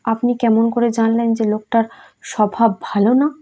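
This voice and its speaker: A woman's voice: a little high, flat delivery, moderate pace, mellow, close to an everyday voice. Woman reading an earnest young male disciple.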